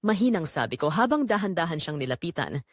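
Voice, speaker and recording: In a dry, studio-quality recording, a woman with a Filipino accent reads a scripted first-person romance, playing a tender young call center agent telling of her love. Her voice is on the low side and sing-song, and she speaks quickly. The feeling is heartfelt and wistful.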